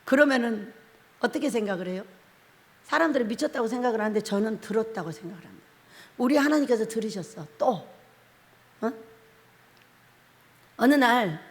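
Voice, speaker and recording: A middle-aged woman pastor preaching a sermon, telling stories with laughs and acted-out quotes. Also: fairly high pitch. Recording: long hall reverb.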